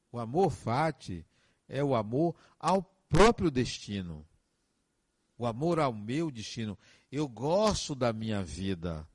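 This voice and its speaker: A man's voice: mid-range voice, no room sound. A man, speaking as a counselor in a reflective, earnest monologue full of advice and emphatic repetitions.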